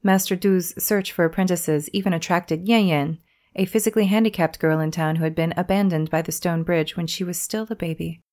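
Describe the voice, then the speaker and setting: Low-voiced woman narrating a memoir. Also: brisk. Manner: steady first-person storytelling. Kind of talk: scripted narration.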